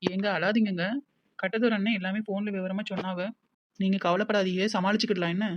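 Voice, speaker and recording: A voice actor plays a devoted young village woman with a Tirunelveli Tamil accent in a cartoon, speaking quickly in a gentle, comforting way while insisting repeatedly. Her natural, medium-pitched voice stays level, and the dull lo-fi sound carries a slight hiss or hum.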